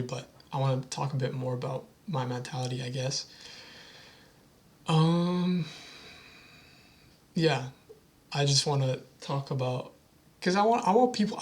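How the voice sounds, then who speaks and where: A man's voice: mid-range voice, a bit bright. A young man in a casual talking-head vlog, speaking earnestly and rambling with frequent restarts as he motivates himself. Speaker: vlogger.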